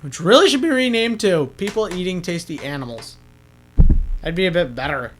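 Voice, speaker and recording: A man's voice: sits high, animated, normal speed, a little hiss or hum. A man giving casual gameplay commentary as a let's-play host, rambling and correcting himself as he goes. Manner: rambling, self-correcting, laughs at own slips.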